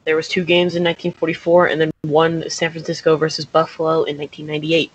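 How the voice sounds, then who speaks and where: Male stats guy, flat husky delivery, slightly high, lo-fi mic. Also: quick pace. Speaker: stats man. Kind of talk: reading out statistics.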